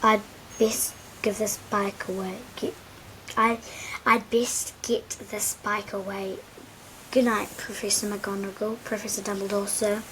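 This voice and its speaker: A woman's voice: medium pitch, level tone, measured pace, fairly bright tone, a little hiss or hum, lightly acted, low-quality recording. A woman voicing a big tender-hearted giant man who sobs and stammers. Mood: muffled. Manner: sobbing, stammering.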